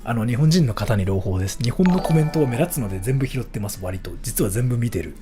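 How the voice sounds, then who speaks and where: A man's voice: medium pitch, animated, racing, over music. A man from Japan livestreaming, chatting loosely and answering viewer questions, going back and forth between English and Japanese.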